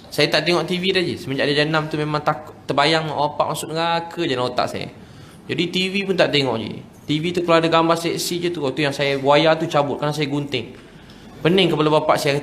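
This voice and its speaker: A man with a Malaysian Malay accent, preaching a sermon as an animated personal story, often chuckling and dropping to a hush. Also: fairly high pitch, a little hiss or hum. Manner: animated storytelling, often chuckling, shifts between lively and hushed. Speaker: religious preacher.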